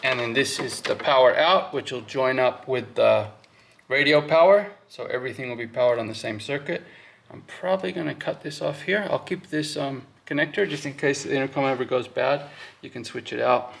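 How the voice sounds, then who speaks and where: With a gravelly, medium-pitched voice at a moderate pace, a man talks through wiring as he does it. His workshop explanation is relaxed and informal, like thinking out loud mid-task.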